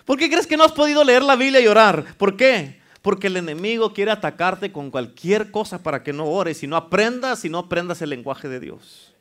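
High-pitched emphatic pastor. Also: male voice, animated, normal speed, a bit bright. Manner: emphatic, calls for amen, jokes with the congregation. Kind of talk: sermon. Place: church.

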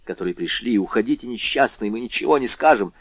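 A man reading an audiobook, voicing a proud young noblewoman who speaks curtly and quietly. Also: mid-range voice, expressive, fast, breathy edge, no echo. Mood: cold. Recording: dull lo-fi recording.

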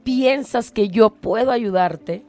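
Calm, testing voice of God, a little lower and softer than the storyteller's own voice, as a woman voices it. A solemn spirit that speaks slowly and stays steady, over faint background music.

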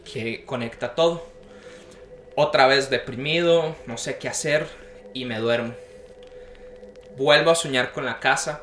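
A man's voice: mid-range voice, slight background noise. A young man, telling a story in casual chat and acting out the voices he quotes. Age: young adult. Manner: animated, acts out the voices he quotes. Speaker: podcast guest telling a story. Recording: roomy echo.

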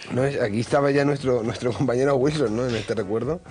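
A man's voice: mid-range voice, fast talker, crowd noise. A man hosting a radio travel show in casual studio chat, rambling and full of hesitations.

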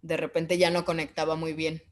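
A woman's voice: low voice, flat delivery, a little fast. A woman interviewer, chatting casually and agreeably while answering a question. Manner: agreeable, short affirmations. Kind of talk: casual conversation.

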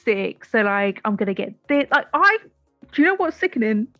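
In her twenties and co-hosting a podcast, this woman chats casually, swears freely and peppers everything with "like." Her slightly high voice is sing-song, bright and forceful at a moderate pace. The audio is dull with no echo, and faint music plays behind her.

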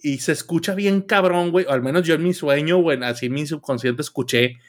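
A man with a Mexican accent, co-hosting a podcast and telling a story animatedly, acting out the voices and shouts. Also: a little high, fairly quick. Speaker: podcast co-host. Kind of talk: casual chat.

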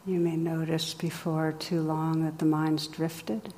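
Slow, low-voiced woman guiding meditation. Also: flat delivery, long reverb tail, a little hiss or hum. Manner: slow, soft and gentle with long pauses. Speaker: meditation teacher. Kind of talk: guided meditation.

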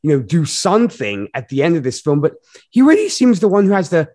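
A man co-hosting a casual movie review podcast, talking in a rambling, animated way with many fillers and laughs. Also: fairly high pitch, fairly quick. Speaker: podcast co-host.

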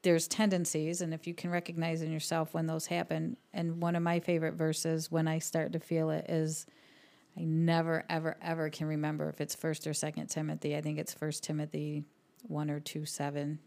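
A woman's voice: deep voice, monotone, a little fast, vocal fry. A woman co-hosting a podcast, chatting casually about faith and quoting scripture with easy laughs. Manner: warm storytelling, laughs easily, quotes scripture. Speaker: podcast co-host.

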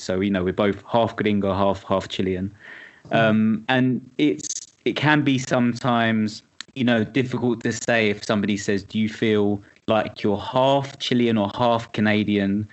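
A man hosting a podcast, asking questions in a relaxed, loose way with plenty of fillers. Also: fairly low pitch. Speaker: podcast host. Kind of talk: casual podcast interviewing.

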